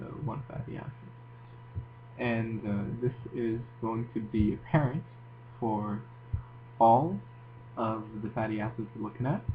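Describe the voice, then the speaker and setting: Male science tutor, Moroccan accent, mid-pitched voice, informal explainer delivery; narrow, phone-like recording with faint hum. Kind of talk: educational video lecture. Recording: tinny phone-like audio, audible hum and hiss.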